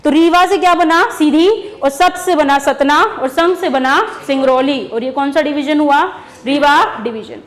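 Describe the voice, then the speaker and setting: A woman with a high, unhurried voice teaches an exam-prep lesson built on memory stories. She poses questions, answers them herself, and keeps repeating the key words.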